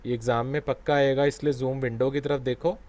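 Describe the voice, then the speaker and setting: A man's voice: mid-range voice, steady tone, a little fast, a little mellow. A man teaching an online exam-prep class with an Indian English accent, mixing Hindi and English and quizzing his students. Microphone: video call.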